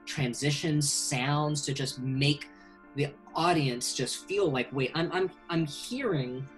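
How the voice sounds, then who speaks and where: A man in his thirties from Indonesia, an animated filmmaker hosting a casual video-call interview from a small bedroom, talking with many fillers. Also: a little high, slow, soft background music, poor audio. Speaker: filmmaker and host. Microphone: webcam video call.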